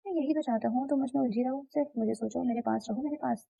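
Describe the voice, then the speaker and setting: A woman's voice: high voice, fast, vocal fry, dark tone, breathy edge, heavily acted. A woman voicing a young police-officer husband who teases his wife playfully and possessively, in a romance novel reading. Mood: teasing, tender. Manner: teasing. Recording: dull, slightly muffled dry recording.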